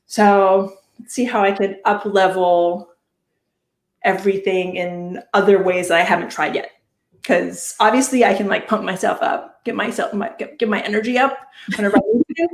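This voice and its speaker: A woman's voice: mid-range voice, steady tone, normal speed, roomy sound. A woman in her thirties co-hosting a casual live chat show over a video call. She talks chattily, laughs often and restarts her sentences.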